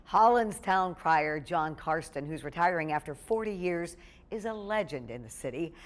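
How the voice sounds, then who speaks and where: An American woman in her forties reading a scripted introduction as a news anchor in a studio. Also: lowish voice.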